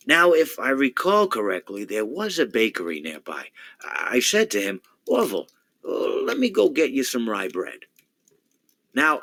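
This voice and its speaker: A man's voice: on the low side, a bit bright, dry recording, exaggerated voice. An actor playing a rambling, long-winded male hippo animatronic in a video game, stammering, repeating his words and drifting off into digressions. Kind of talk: video game character monologue.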